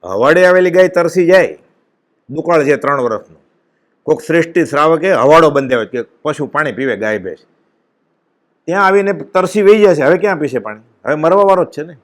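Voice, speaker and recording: A man's voice: on the high side, lively intonation, brisk. A man with a Gujarati accent giving an impassioned devotional sermon, quoting scripture and chanting verses. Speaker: spiritual discourse speaker.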